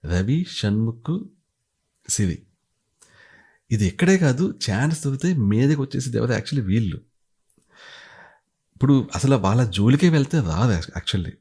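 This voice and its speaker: A man's voice: mid-range voice, animated, normal speed, pauses often, warm tone, husky. A man giving a casual commentary review, retelling scenes animatedly and acting out the quotes. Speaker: show reviewer.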